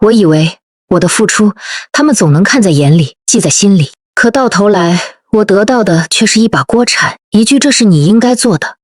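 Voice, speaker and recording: A woman's voice: medium pitch, lively intonation, normal speed, no echo. A woman in her forties narrating a first-person audio story in a subdued, wounded way.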